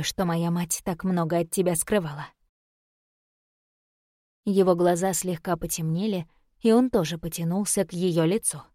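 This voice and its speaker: Audiobook narrator, female, steady measured delivery, dry close mic. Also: fairly low pitch, no room sound. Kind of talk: scripted narration of a romance novel.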